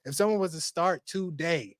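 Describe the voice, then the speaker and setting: A man co-hosting a gaming podcast in casual, slangy chat, animated and laughing often. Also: on the high side, normal speed, no room sound, clean studio sound. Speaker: podcast co-host.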